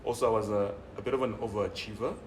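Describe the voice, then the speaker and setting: Low-voiced young South African man, off-mic. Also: very fast. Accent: South African English. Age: 20s. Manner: relaxed, many fillers like you know. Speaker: interview guest. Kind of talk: casual interview. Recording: distant mic, noisy room.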